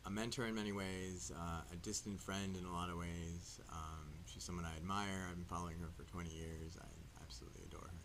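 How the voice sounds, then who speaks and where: A man's voice: deep voice, flat delivery, fast talker, hardly any pauses, fairly bright tone, slight background noise. A man from Michigan being interviewed as a musician guest, earnest and talkative. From Michigan, United States. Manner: earnest, admiring, talks at length. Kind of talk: casual on-air interview. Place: public access TV studio.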